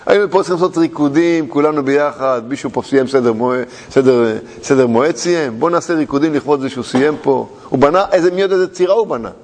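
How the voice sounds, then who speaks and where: A man's voice: on the high side, few pauses, a little mellow, in a large hall. A man teaching a religious lesson as a rabbi, firing rhetorical questions and using playful repetition and wordplay.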